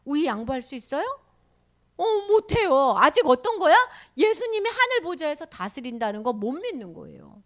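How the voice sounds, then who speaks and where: A woman's voice: sits high, sing-song, brisk, hardly any pauses, fairly bright tone. A woman telling a Bible story in a children's sermon, asking the children questions and dropping into whispers.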